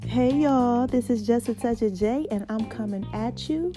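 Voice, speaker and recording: A woman podcast host giving a casual, excited motivational monologue, with a slight lisp and mouthful-sounding speech from stitches after mouth surgery. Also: fairly high pitch, normal speed, over music. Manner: excited, folksy, repeats phrases for emphasis.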